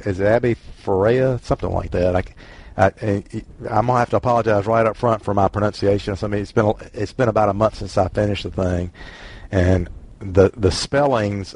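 A man's voice: on the low side, darkish tone. A man with a Southern US accent hosting a casual book discussion, rambling and self-deprecating. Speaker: book club host.

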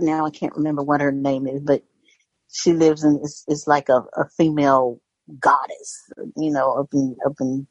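A woman's voice: deep voice, slightly rough, no room sound, muffled recording. An American woman chatting casually in a rambling, folksy way. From Georgia and various parts of the US. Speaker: book club member, first-time participant. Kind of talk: casual chat.

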